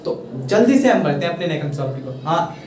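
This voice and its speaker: A man's voice: on the high side, big pitch swings, fast talker, darkish tone, a little hiss or hum. A young man with a Hindi accent, explaining a pronunciation lesson to students and checking often that they follow. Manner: repeats "thik hai" often, coaxing and encouraging. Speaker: English teacher. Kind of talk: casual classroom explanation. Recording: echoey room, voice from far off.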